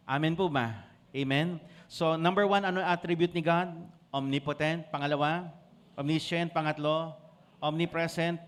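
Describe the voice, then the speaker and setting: A pastor with a Filipino accent preaches a sermon, moving between Tagalog and English and calling on the congregation for answers. His voice is fairly high and fairly bright in tone.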